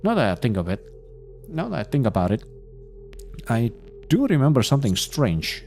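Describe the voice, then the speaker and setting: A man's voice: mid-range voice, wildly swooping pitch, normal speed, a little mellow, soft background music. A man reading a musing, speculative young woman.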